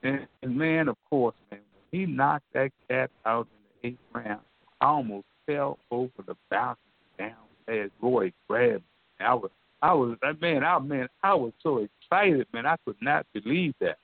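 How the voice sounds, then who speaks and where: An older man telling an animated story in a folksy way, repeating himself and addressing the listener directly. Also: medium pitch, normal speed, vocal fry, dry recording. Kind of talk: excited storytelling. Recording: dry, tinny phone line.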